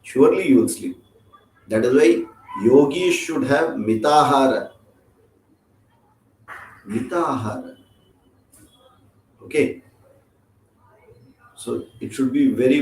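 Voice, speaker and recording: A man's voice: medium pitch, darkish tone. A man with an Indian accent teaching an informal scripture class, chatty and joking, often checking in with his listeners. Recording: roomy echo.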